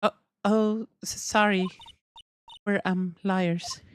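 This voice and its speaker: A woman playing an eager, excitable young assistant. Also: mid-range voice, takes it slowly, slight background noise, natural voice. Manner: eager, stammering. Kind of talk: fan dub of a video game. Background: music.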